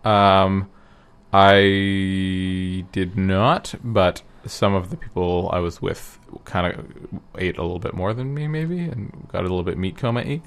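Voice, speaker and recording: A man's voice: deep voice, unhurried, gravelly, smooth. A man chatting casually, rambling and hesitant, full of ums and restarts. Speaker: guest recounting an event. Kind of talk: casual chat.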